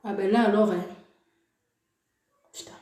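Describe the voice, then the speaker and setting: A woman's voice: medium pitch, fairly even intonation, unhurried, dark tone, reverberant. A woman commenting on a clip in a teasing, scolding way, laughing in between. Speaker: video commentator. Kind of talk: mocking reaction commentary.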